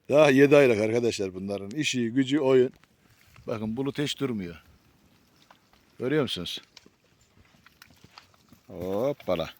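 A man's voice: mid-range voice, normal speed, pauses often, darkish tone, no echo. Give me a doting man narrating his dogs outdoors. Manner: affectionate, doting, talks to the dogs with pet names. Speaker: vlogger filming his dogs on a nature walk. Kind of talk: casual commentary to viewers. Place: outdoors in nature.

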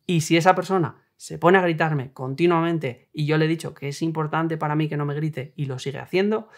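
A young man talks through relationship advice in a calm, reasoned way. His voice sits somewhat high for a man. He lays each point out with everyday examples, like a host teaching his viewers. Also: a little fast. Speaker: self-help video host. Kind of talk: explanatory talk on relationships.

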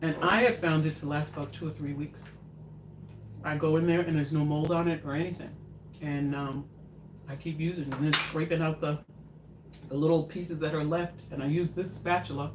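During a live cooking broadcast from her home kitchen, this older woman talks briskly in a low, fairly even voice with long pauses, rambling casually as she answers viewers. The far camera in front of the counter yields echoey, noisy sound from a distant mic.

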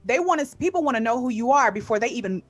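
A woman talking as a podcast guest in a relaxed, conversational way. She is upbeat and emphatic and keeps circling back to repeat her main points. Faint music plays underneath her voice. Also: fairly high pitch, very fast. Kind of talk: casual interview chat.

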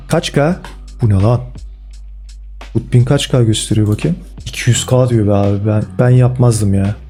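A man commenting casually and excitedly on football game cards as a gaming video host, with slangy, chummy talk aimed at his viewers. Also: mid-range voice. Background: faint background music.

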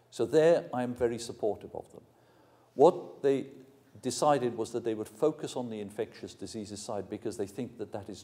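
The speaker is a Welsh man in his sixties, a university lecturer, whose voice sits on the low side and sounds mellow. He gives a frank, no-nonsense public lecture and responds to questions in a large, ornate indoor hall.

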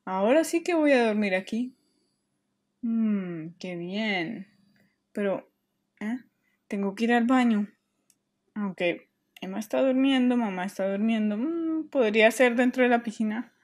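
A woman's voice: a little high, lively intonation, unhurried, long pauses. A woman playing a restless mischievous boy. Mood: playful. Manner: dramatic complaining. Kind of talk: toy play-acting for children.

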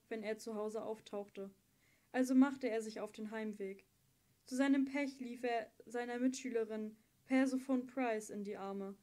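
Warm-voiced woman reading an audiobook. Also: on the high side. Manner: steady, measured storytelling. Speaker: audiobook reader. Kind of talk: scripted audiobook narration.

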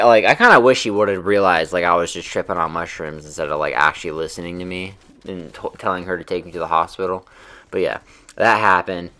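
Low-voiced young man rambling through a story. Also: sharp tone. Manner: rambling, loose, heavy with fillers and swearing. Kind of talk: casual storytelling.

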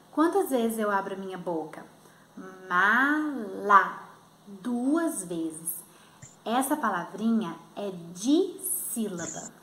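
A woman with a Minas Gerais Brazilian accent teaching young children in a recorded lesson, slowly sounding out words. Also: a little high, fairly bright tone, roomy sound. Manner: slow, sounding out words for kids. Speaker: primary school teacher. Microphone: phone.

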